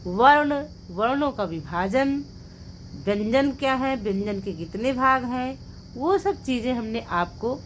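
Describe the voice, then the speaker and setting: A woman's voice: a little high, a little hiss or hum. A woman teaching an exam-prep lecture, asking the class questions and then answering them herself. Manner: drills points with rhetorical questions and repeats the answers.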